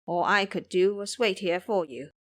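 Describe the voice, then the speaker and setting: A woman voicing a pious, gloomy male monk in an audio drama, plaintive and gently scolding. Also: mid-range voice, normal speed, close to an everyday voice. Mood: reproachful. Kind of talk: audio drama character acting.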